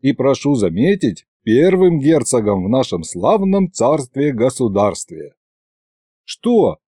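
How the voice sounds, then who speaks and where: A man narrating a first-person story in a wry, animated manner. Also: medium pitch, a little slow, husky, no room sound, clean studio sound. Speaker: audiobook narrator.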